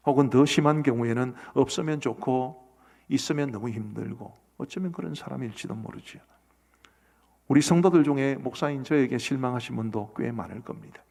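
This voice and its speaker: Gravelly middle-aged pastor in a reverberant hall. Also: male voice, medium pitch, dark tone. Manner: earnest, asks the congregation questions. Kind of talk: sermon. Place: church sanctuary. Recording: long church hall reverb.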